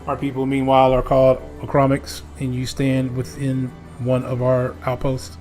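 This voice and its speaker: A man putting on a flat mechanical robot voice to voice a cold alien soldier machine while reading game dialogue. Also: medium pitch, moderate pace, soft background music, natural voice. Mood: robotic. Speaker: gaming streamer.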